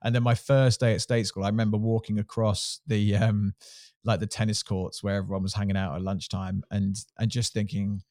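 Low-voiced Home Counties man, candid and casual. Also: little pitch movement, fairly quick, darkish tone, no room sound, studio quality. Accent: southern English, Home Counties. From Surrey, England. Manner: candid, self-deprecating. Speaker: interview guest, sports marketing executive. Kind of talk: casual interview talk.

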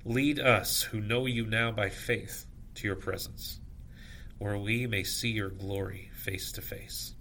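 Man, prayer officiant, gravelly and bright, solemn measured liturgical recitation, some background noise. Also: on the low side, fairly even intonation. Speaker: officiant leading evening prayer.

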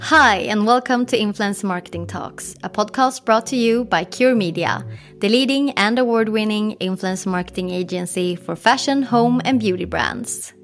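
A woman's voice: mid-range voice, moderate pace, soft background music. Polished woman podcast host. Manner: scripted, polished introductions. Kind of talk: podcast intro and interview.

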